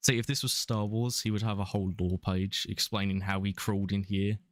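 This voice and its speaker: A man's voice: on the low side, level tone, fairly quick, no echo, studio quality. A young man in his twenties with a London accent, chatting casually and rambling with chuckles while he streams a game. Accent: London English. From England. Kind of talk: casual live-stream commentary.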